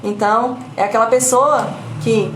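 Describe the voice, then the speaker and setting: A woman's voice: a little high, steady tone, normal speed, slight background noise. Brazilian woman coach in an echoey room. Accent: Brazilian Portuguese. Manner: rhetorical questions with frequent tag questions; explanatory, repetitive teaching tone. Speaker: emotional intelligence coach. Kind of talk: live talk to an audience. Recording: roomy echo.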